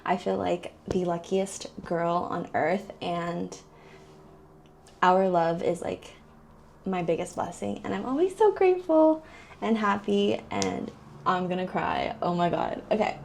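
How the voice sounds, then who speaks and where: A woman's voice: lowish voice, lively intonation, unhurried, gravelly, a little mellow, slight background noise. A woman in her thirties, chatting to her phone camera in a giddy, emotional vlog. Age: 30s. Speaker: vlogger. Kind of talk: casual vlog chat.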